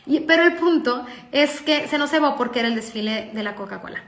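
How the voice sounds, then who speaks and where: A woman's voice: sits high, a little fast. A woman with a Mexican accent, telling a family story in a talk for parents and acting out the dialogue. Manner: lively, acts out dialogue. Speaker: parenting speaker. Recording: echoey room.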